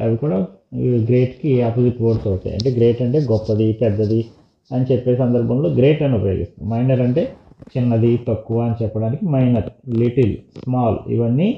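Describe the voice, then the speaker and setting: A man's voice: medium pitch, slight background noise. Man teaching English words in Telugu. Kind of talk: textbook lesson explanation. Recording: echoey room on a tinny phone-like line.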